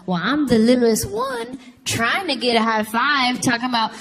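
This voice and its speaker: A young woman performing a stand-up comedy set, telling stories in an animated way and shouting out voices. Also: fairly high pitch, moderate pace, rough recording. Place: comedy stage before a laughing audience. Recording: live stage audio with crowd noise.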